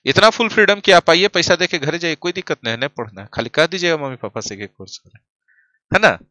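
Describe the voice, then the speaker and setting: A man's voice: on the high side, animated, fast, pushed and bright, no room sound. A young man teaching grammar in an online class, teasing and quizzing his students. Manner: playful, teasing, asks the class questions. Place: classroom studio, standing at a desk.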